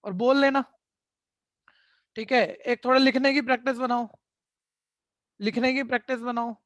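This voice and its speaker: A man's voice: very high voice, fairly even intonation, normal speed, fairly bright tone, dry recording. Stern male tutor lecturing students. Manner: keeps asking "ठीक है?" to check in. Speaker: math tutor. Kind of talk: online class lecture.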